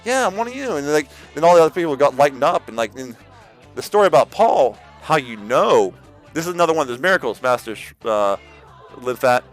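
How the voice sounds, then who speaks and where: Rambling animated male streamer preaching. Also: medium pitch, fairly quick, faint music behind. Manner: rambling, full of "like" and repeated restarts; slangy, addresses listeners as "man". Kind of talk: casual off-the-cuff preaching.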